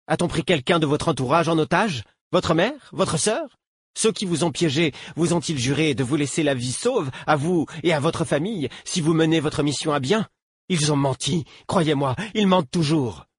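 A frightened young archer, voiced by a man, his shrill voice quavering as he hurls defiant accusations at his captor. The voice sits far above the reader's own low register and keeps climbing in pitch. It sounds like a storybook audiobook recorded in a dry booth. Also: husky, dry recording. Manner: accusing, pressing questions.

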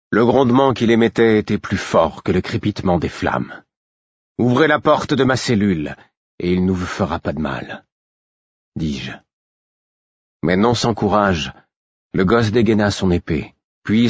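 A man narrating a first-person audiobook in a steady, measured way. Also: low voice, husky, no room sound, muffled recording.

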